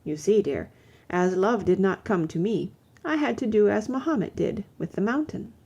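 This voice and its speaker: A woman reading a classic novel aloud in the first person, measured and expressive. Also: medium pitch, vocal fry, slightly rough, dull audio. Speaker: audiobook reader. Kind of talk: first-person literary audiobook narration.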